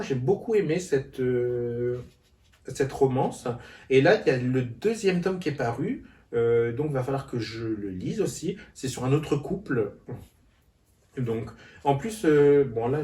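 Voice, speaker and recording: A man's voice: mid-range voice, mellow. A hesitant man talks casually about books, stopping often to restart his sentences. He sits a little back from the mic, and the room gives his voice an echo. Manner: hesitant, many fillers and restarts. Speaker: book vlogger. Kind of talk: casual book haul vlog. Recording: roomy echo, a bit far from the mic.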